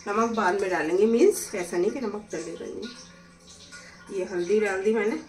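A woman's voice: medium pitch, moderate pace, far from the mic, music in the background. A woman chatting casually as she demonstrates a recipe at home, explaining each step as she cooks. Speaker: cooking vlogger. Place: home kitchen. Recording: echoey kitchen, voice from off-mic. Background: clatter of pots and utensils.

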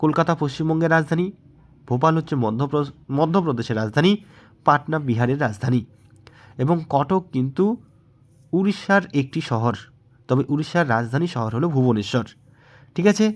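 A man's voice: on the high side, animated, a little fast, pauses often. A man with a Bengali accent, teaching exam prep and patiently walking through mock test answers, asking questions and then answering them himself.

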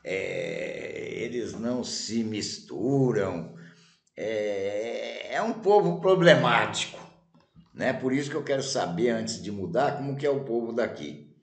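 A man's voice: sits low, big pitch swings, takes it slowly, darkish tone, pitched below the performer's own voice, full character voice. A man voicing a fed-up male wanderer who complains and keeps tagging on "né?". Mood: grumbling. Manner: complaining, peppered with "né?". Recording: roomy echo.

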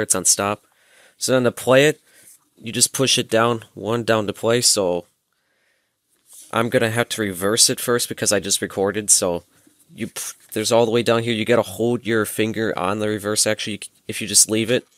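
Speaking into a headset mic in a small room at home, this young adult man hosts a gadget tutorial, walking through a casual hands-on demo step by step. His voice sits on the low side and is a bit bright, with studio-quality sound and no room noise.

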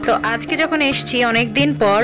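A woman's voice: on the high side, racing. A woman vlogger chatting casually to her viewers while wearing a face mask, her voice muffled by the mask. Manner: chatty, friendly address to viewers. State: speaking through a face mask. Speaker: food vlogger. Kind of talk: casual vlog narration. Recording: music playing underneath.

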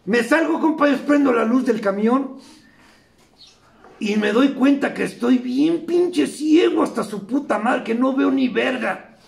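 A man with a Mexican accent gives a raw, profane testimony at a recovery meeting. His voice is high and gravelly. It echoes through a roomy space. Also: a little slow. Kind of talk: emotional testimony.

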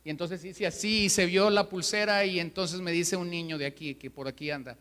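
A high, bright-toned pastor delivers an emphatic sermon. He drives his points home with rhetorical questions. His voice rings with the long reverb of a church hall. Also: fairly even intonation, fairly quick. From Mexico.

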